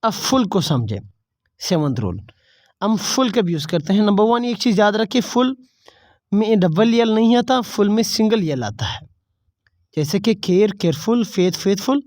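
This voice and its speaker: A woman's voice: medium pitch, animated, measured pace, dark tone, no room sound. A woman teacher, explaining spelling rules step by step. She repeats each point and asks herself questions before answering them. The sound is dry and close, with no room around it. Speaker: English teacher. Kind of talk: spelling lesson explained in Urdu-flavored Hindi.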